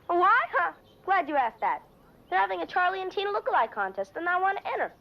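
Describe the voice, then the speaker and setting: A woman's voice: very high voice, sing-song, quick pace, gravelly, full character voice. A woman playing a sassy, defiant teenage girl with a blunt, wisecracking way of talking in a 1970s TV drama. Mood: brash, teasing. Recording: muffled, faintly noisy old TV soundtrack.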